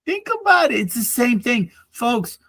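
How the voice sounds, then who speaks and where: Profane ranting man, lively pitch. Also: moderate pace, dry recording. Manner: profane, ranting, animated storytelling. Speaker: podcast co-host. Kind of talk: casual chat.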